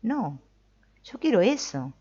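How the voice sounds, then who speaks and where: A middle-aged woman with a Rioplatense Spanish accent giving an informal spiritual talk, animated and colloquial, acting out quoted voices for humor. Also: on the high side, slow, breathy edge. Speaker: spiritual teacher. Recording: dull lo-fi recording.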